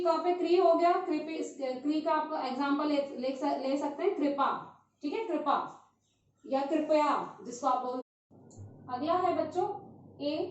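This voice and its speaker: A woman teacher giving a primary school lesson on vowel signs, patiently repeating each sound slowly and checking in often. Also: high voice. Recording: distant, very echoey, dull lo-fi sound.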